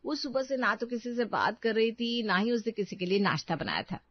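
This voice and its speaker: Woman narrator, steady scripted storytelling, high voice, dry slightly dull recording. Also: fairly quick.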